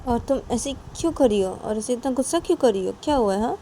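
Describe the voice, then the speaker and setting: A woman voicing a gentle young woman who keeps pleading with her angry friend to calm down. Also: medium pitch, moderate pace, gravelly, a little hiss or hum, close to an everyday voice. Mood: coaxing. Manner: coaxing, pleading, repetitive.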